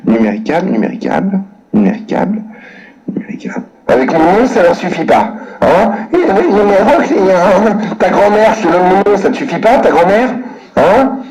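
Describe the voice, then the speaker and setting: A man's voice: high-pitched, a little mellow. A man ranting furiously at a customer service line, swearing constantly and muttering to himself between calls. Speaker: irate customer on a prank call. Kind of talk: angry phone rant, swearing. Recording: echoey room, recorded phone call.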